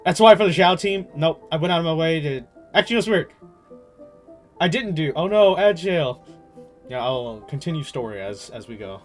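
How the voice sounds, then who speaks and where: With music running in the background, this game streamer talks in a loose, rambling livestream chat, slangy and halting, swearing now and then as he comments on play. His pitch is fairly high, his delivery animated, his speed normal.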